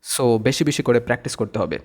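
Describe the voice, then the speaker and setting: A man's voice: mid-range voice, lively intonation, quick pace, darkish tone, slightly rough. A man teaching English pronunciation, patiently repeating each word twice. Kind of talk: slow-paced pronunciation lesson.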